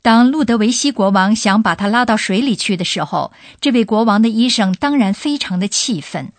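A woman's voice: medium pitch, animated, moderate pace, no room sound. A woman hosting a radio language lesson, putting listeners' questions to a professor. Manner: asks the expert leading questions.

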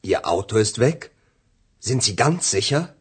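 A calm, patient hotel clerk. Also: male voice, lowish voice, takes it slowly, husky, heavily acted. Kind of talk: radio drama for language learners.

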